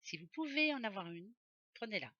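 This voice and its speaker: A woman's voice: mid-range voice, sing-song, a little fast, pushed and bright, dry recording, highs cut off. A woman doing a casual oracle card reading for her viewers, chatty and rambling, often correcting herself aloud. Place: home office.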